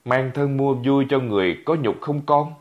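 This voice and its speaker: A man's voice: mid-range voice, moderate pace, voice pushed up, natural voice. A man voicing an anxious, tender village mother who pleads with her son through tears. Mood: pleading. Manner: pleading, tearful. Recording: dull lo-fi recording.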